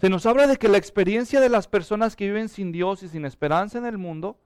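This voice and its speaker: A man's voice: high-pitched, fast, a little mellow, clean tone, no echo. A male pastor preaching a sermon in a conversational way, checking in with the congregation.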